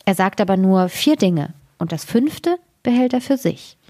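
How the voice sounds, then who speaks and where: A woman's voice: medium pitch, lively intonation, unhurried, warm tone, no room sound. A woman voicing a sly little peasant trickster in a storybook tale, speaking in a raised, cheerful tone.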